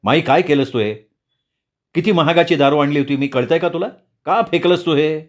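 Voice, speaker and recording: A man's voice: fairly high pitch, expressive, normal speed, a little mellow. A man voicing an arrogant young adult son in a storybook, talking back rudely and dismissively. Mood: defiant. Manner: rude, dismissive.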